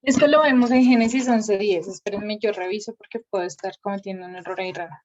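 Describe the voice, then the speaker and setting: A woman's voice: medium pitch, fast. A woman teaching a Bible class over a video call. She thinks aloud while she writes names on a shared screen. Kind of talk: online class with screen sharing. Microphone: computer mic on a video call. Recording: dull lo-fi video call audio.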